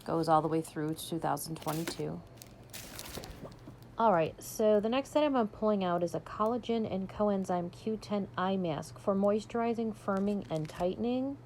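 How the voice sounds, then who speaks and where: A woman's voice: medium pitch, moderate pace, darkish tone, a little hiss or hum. A woman chatting casually as she unboxes a subscription box, describing each item as she pulls it out. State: hiccuping. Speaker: unboxing vlogger.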